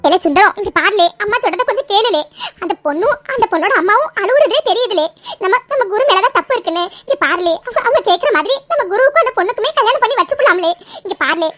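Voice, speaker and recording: A woman's voice: very high-pitched, fairly bright tone. A woman voicing a blunt, folksy grandmother who talks in a rustic, bossy way, ordering her grown son about.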